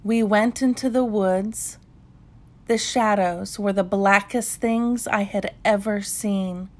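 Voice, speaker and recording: Very slow-paced woman reading a bedtime story. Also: mid-range voice, steady tone. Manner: measured, unhurried storytelling with pauses. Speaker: children's story reader. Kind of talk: calm bedtime read-aloud narration.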